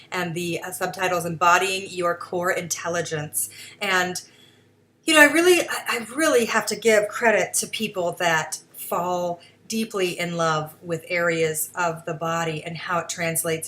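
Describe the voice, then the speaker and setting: A woman's voice: lowish voice, fairly bright tone, slight background noise. A woman hosting her own podcast segment, talking earnestly in a rambling, casual way with many fillers and restarts. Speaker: podcast host. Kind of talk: casual solo commentary.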